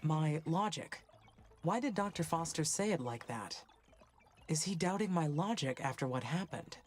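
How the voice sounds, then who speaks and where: A measured female AI, low and even, faint hiss behind. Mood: doubting. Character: calm female AI orbiting a planet.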